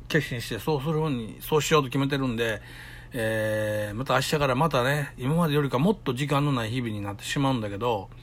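Husky Kansai man telling stories. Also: mid-range voice, a bit bright. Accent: Kansai Japanese. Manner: chatty storytelling, acts out quoted voices. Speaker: solo podcaster. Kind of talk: casual solo talk.

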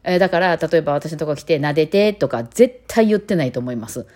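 A woman's voice: low voice, expressive, fast, warm tone. A woman with an Osaka accent chatting on her own podcast, rambling with lots of fillers and laughing now and then. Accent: Kansai (Osaka). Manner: chatty, playful imitations of her cats. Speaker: podcast host. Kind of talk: casual solo talk.

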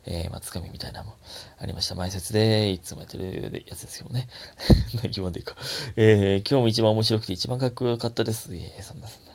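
A young man with a Kansai accent, a comedian chatting solo on his own show, his throat a little hoarse and his voice jumping up high when he gets excited. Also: fast talker. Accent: Kansai Japanese. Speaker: comedian podcast host. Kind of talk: casual solo talk.

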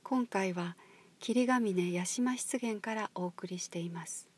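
A woman leading a guided meditation, talking in a soft, slow, breathy near-whisper. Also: medium pitch. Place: outdoors at a highland marsh.

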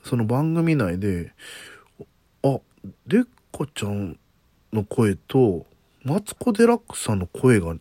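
A man's voice: mid-range voice, big pitch swings, a little slow, pauses often, mellow, husky, dry recording. Chatty man musing on a solo podcast. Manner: chatty, musing aloud, asks listeners. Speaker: podcast host. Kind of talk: casual solo talk radio.

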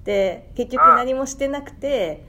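A woman hosting a casual podcast over a remote call, laughing often and reading out results in a brisk announcing manner. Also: high voice, animated, sharp tone, dull audio. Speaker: podcast host.

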